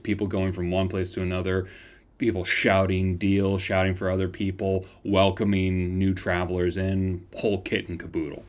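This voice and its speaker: Low-voiced casual game master. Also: male voice. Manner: casual, crude narration. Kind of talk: narrating a tabletop game.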